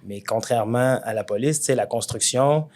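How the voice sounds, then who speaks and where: Quebec french guy in his 30s, laid back, thinks out loud, lots of little fillers. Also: medium pitch, a little fast. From Rwanda, raised in Quebec. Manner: relaxed, reflective, with fillers and repeats. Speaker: guest, construction entrepreneur. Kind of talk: casual interview talk.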